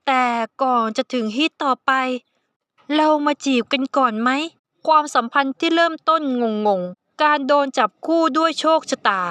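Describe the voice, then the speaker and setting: A middle-aged woman reading a romance novel aloud in a gentle, even storytelling manner. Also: on the high side, clear, resonant tone, dry recording. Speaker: audiobook narrator. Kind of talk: scripted novel narration.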